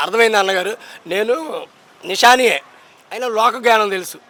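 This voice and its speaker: A man's voice: sits high, brisk, pushed and bright. Fiery young man. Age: young adult. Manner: emphatic, combative, keeps repeating rhetorical questions. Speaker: interviewee in a street poll. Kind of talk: impassioned political street talk.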